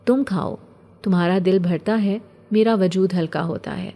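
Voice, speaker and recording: A soft-spoken ancient male jinn, voiced by a woman narrating a horror storybook. His words come slow and poetic, meant to console. The tone is mellow and warm rather than bright. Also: on the low side, fairly even intonation, close to an everyday voice. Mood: calm, tender.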